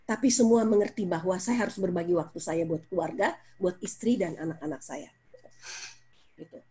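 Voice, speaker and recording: A middle-aged woman speaking as a parenting guest on a talk show, expressive and lively, mixing in English phrases. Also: moderate pace. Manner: expressive, acts out scolding parent in high voice, mixes English phrases. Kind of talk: animated talk-show explanation.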